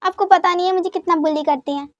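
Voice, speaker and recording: A woman's voice: extremely high pitch, fairly even intonation, quick pace, no room sound, lo-fi sound. A woman voicing a young man in a fan dub drama; he plays innocent and complains in a whiny way.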